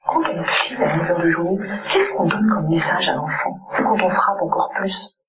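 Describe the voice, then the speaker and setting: A woman's voice: lowish voice, expressive, moderate pace, a loud crowd, low-quality recording. A woman child psychologist giving an earnest conference lecture and often checking in with her audience.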